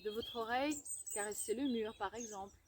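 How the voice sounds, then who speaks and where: A woman with a fairly high voice guides a meditation in short, gently coaxing instructions. She is recorded outdoors, with clear birdsong and environmental noise behind her. Her delivery is unhurried and leaves space between phrases. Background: birdsong, chirping, environmental noise.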